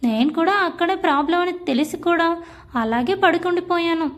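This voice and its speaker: A woman with a very high voice tells a story in the first person, scripted audiobook narration with emotional feeling. Her delivery is steady and intimate. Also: moderate pace.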